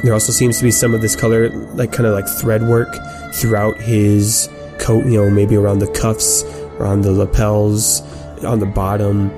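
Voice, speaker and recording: A man narrating a tabletop game as game master, describing scenes in halting, improvised detail. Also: lowish voice, level tone, over music.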